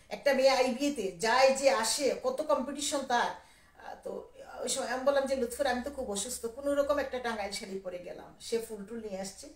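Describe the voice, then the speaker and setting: A woman poet from Sylhet tells her memories in a loose, animated way, often slipping into quoted dialogue. Her voice sits a little high. She sounds set back from the mic in an echoey room. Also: recorded from a distance. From Sylhet, Bangladesh. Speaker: poet and writer. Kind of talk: casual reminiscing monologue on a live video.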